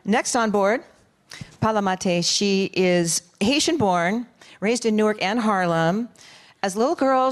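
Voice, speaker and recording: A woman moderating a panel discussion, chatty and effusive, with quick restarts. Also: medium pitch.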